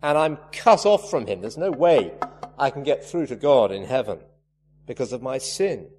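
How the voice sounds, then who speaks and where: A man's voice: mid-range voice, big pitch swings, normal speed, a little mellow, faint music behind. A man preaching a sermon, earnest and emphatic, leaning hard on key words. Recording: reverberant hall, faint hum.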